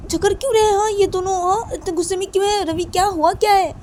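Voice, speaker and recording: A high, piercing young woman's voice, scolding and pleading almost in tears, as a woman storyteller puts her on. The tone stays mellow for all its height, a homemade story told aloud. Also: steady tone, quick pace, a little hiss or hum. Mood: shrill, upset. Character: shrill, upset young woman, a sister-in-law.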